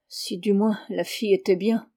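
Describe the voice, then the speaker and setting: A woman reading the lines of an aging male factory owner who is proud and anxious, in a soft, lowered voice. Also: steady tone, normal speed, close to an everyday voice. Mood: troubled.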